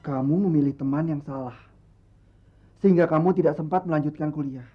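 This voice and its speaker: Patient male religious teacher acted, fairly high pitch, calm counsel, TV drama, faint music. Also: a little fast, muffled recording, lightly acted. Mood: calm admonishing. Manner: calm, admonishing. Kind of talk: television drama acting. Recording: music behind dialogue.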